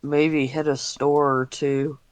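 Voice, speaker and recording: A tabletop game player who speaks slowly in a smooth, clear voice, recorded dry and close. They lay out their plans while thinking aloud, with plenty of fillers. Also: mid-range voice, little pitch movement, no echo.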